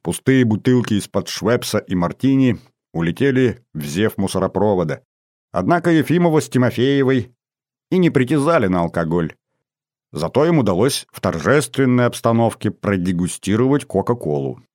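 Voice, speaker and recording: A man narrating an audiobook in a measured storytelling manner, livening up the dialogue. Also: on the low side, big pitch swings, darkish tone, dry recording, studio quality. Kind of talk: scripted narration.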